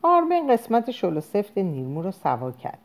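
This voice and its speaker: Expressive woman reading a novel. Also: mid-range voice. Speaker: audiobook narrator. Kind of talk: scripted narration.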